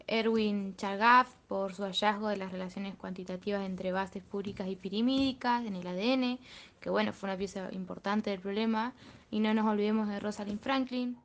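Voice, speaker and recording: A woman's voice: mid-range voice, fairly even intonation, moderate pace, lo-fi sound. A young woman, a student, reading a school presentation steadily, with small fillers.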